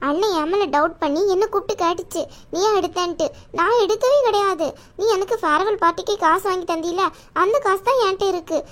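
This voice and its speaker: A fretful middle-aged mother in a cartoon, put on by a woman, questioning her children anxiously. The voice sits high but somewhat lower than her other roles. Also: brisk, a bit bright. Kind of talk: animated cartoon voice acting.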